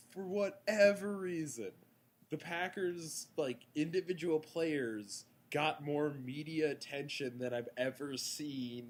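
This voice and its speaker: A man's voice: medium pitch, a little hiss or hum. A young man co-hosting a podcast in casual chat, teasing and playful as he talks sports. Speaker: podcast co-host.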